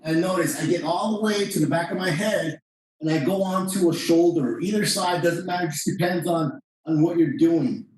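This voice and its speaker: Male martial arts instructor, high-pitched voice, informal step-by-step demonstration, heard from a distance in a very reverberant room. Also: moderate pace, darkish tone. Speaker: jiu-jitsu instructor. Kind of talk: hands-on class demonstration. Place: indoor training room. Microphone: distant camera microphone. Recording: distant mic, very echoey room, faint noise.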